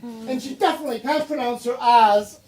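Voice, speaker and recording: A woman's voice: a little high, normal speed, a little mellow, natural voice. A woman playing a bossy, scheming friend giving urgent orders, in a distant, roomy stage recording.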